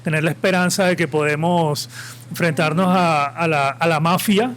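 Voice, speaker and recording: At a live podcast event with an audience, a guest from Santa Marta, Colombia, speaks with a Caribbean-coast accent in an impassioned, opinionated, wandering way. His voice is fairly high and a bit bright, with fairly even intonation and a moderate pace, over a slight hiss or hum.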